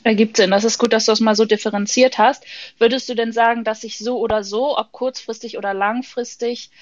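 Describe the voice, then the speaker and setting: A woman's voice: a little high, steady tone, fairly quick, no room sound, highs cut off. A woman interviewing a guest, giving short affirmations and asking questions. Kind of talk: conversational interview.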